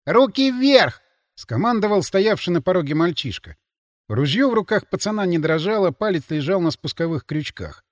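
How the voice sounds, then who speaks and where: A man's voice: on the high side, lively intonation, brisk, dry recording. A man narrating an audiobook with dry, wry asides. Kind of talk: scripted narration.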